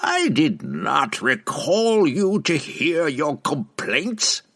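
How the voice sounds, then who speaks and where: A man voicing a withered ancient drow witch matron who taunts her captive in a slow, mocking, drawn-out way. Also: fairly high pitch, very animated, fairly bright tone, husky, no room sound, voice pushed up, full character voice. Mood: teasing. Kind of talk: audiobook character voice.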